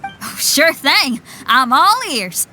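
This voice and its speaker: A confident young rock musician with a high, bright, forceful voice. She speaks in an easygoing, laid-back way in game dialogue. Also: very animated, slow pace, a little hiss or hum, heavily acted. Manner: easygoing, laughs often.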